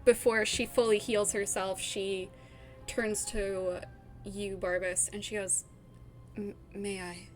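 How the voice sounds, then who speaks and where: A woman narrating as game master of a tabletop role-playing game, soft-spoken and often laughing. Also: mid-range voice, level tone, slow pace, soft background music.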